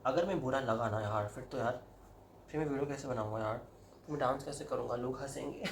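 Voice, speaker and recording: A man's voice: medium pitch, a little fast, vocal fry, a little hiss or hum. A young man chatting casually to camera while he cuts his own hair at home, mixing Hindi with English and breaking into dramatic yelps and laughs. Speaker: vlogger. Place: indoors at home, roomy. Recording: echoey home room.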